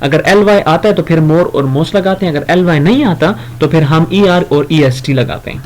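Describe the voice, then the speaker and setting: This man, whose voice is on the high side, teaches grammar by first reading each example carefully and slowly. Afterward he explains it in a loose, conversational manner, stopping on fillers and fixing his own slips as he goes.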